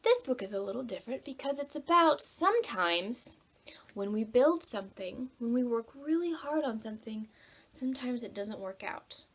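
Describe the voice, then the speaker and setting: A children's librarian leads storytime, singing songs and reading picture books aloud to young children in simple language. Her voice is a little high and expressive, moving at a moderate pace with a singsong quality.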